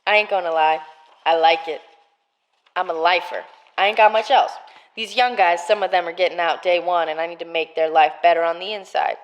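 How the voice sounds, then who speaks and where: A woman's voice: on the low side, steady tone, a little fast, lightly acted. A woman voicing a hardened male prison gang captain in a murder mystery game, trying for a Boston accent that keeps slipping. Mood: tough.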